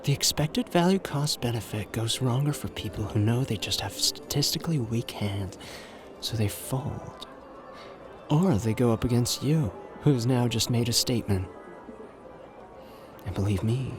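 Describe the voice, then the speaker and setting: Over music, a man lightly acts the part of a smooth, self-assured gambler in an ASMR audio drama, his mid-range voice hushed and flirtatious. He teases intimately, drawing out his phrases and using pet names.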